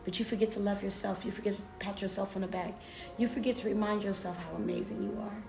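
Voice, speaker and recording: A woman's voice: medium pitch, fairly even intonation, fast, gravelly, a little mellow. Woman, motivational pep talk, emphatic preacher-like delivery, informal wording, roomy echo, music behind. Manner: emphatic, preacher-like encouragement with repeated phrases; informal, conversational, addressing listeners as besties. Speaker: motivational speaker.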